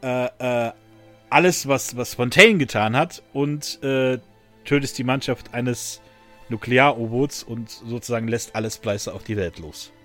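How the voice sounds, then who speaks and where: A man's voice: mid-range voice, measured pace, fairly bright tone, faint music behind. A man hosting a casual podcast, talking loosely with many fillers and restarts and laughing often. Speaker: podcast host.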